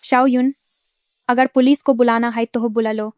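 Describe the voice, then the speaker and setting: A woman's voice: a little high, steady tone, moderate pace, dry recording, lightly acted. A woman playing an indignant woman of a rich family. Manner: sharp, scolding. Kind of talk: dubbed drama acting.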